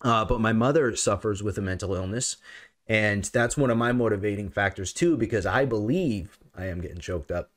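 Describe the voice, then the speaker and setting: Earnest, halting man with a low voice. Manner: earnest, emotional, halting with many restarts. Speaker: personal trainer and coach. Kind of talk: interview guest, earnest talk.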